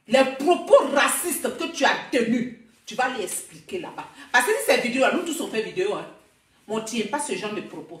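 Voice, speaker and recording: A woman's voice: fairly high pitch, a bit bright, far from the mic. A woman content creator delivering a proud, declamatory vlog rant and repeating her slogans. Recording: roomy echo, voice off-mic.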